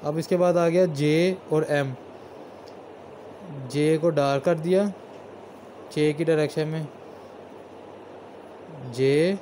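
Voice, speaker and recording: A man's voice: a little high, warm tone, a little hiss or hum. A man teaching shorthand strokes step by step as he writes, patiently repeating each one aloud. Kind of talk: step-by-step lesson while writing.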